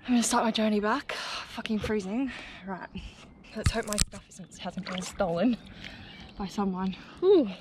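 A woman's voice: mid-range voice, normal speed. A woman chatting casually to camera outdoors by a lake, giggly and swearing now and then. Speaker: vlogger. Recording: outdoor noise behind voice.

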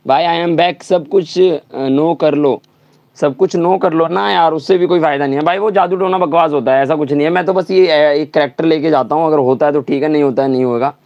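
A man's voice: fairly high pitch, fairly quick, dry recording, lo-fi sound. A young man streaming a mobile game live, ranting and swearing in anger, with a slightly sore throat. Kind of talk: live gaming stream chat.

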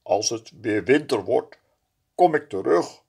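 A man reading a picture book aloud, voicing a gentle snowman in a soft, hushed, tender tone. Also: mid-range voice, very slow. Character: gentle male snowman, slowly melting.

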